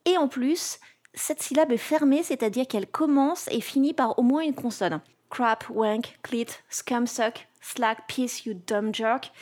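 A woman's voice: fairly high pitch, a little slow, darkish tone. A woman from France hosting a podcast, reading a scripted, playful commentary in punchy rhythmic lists. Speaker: podcast host. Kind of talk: scripted comic narration.

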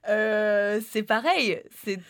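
A woman's voice: medium pitch, drawn-out words, no echo. A woman co-hosting a casual radio show with wry, dry-humored banter. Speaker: co-host.

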